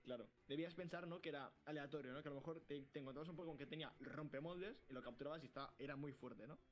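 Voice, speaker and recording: A man from co-hosting a casual podcast, telling stories fast and laughing often. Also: fairly high pitch. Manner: fast, animated, laughing storyteller. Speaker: podcast co-host. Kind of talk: casual chat.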